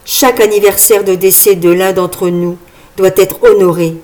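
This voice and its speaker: A woman's voice: mid-range voice, fairly even intonation, moderate pace, darkish tone, natural voice. A woman voicing the spirit of a vengeful dead man in a horror audiobook, clipping each syllable precisely. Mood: menacing.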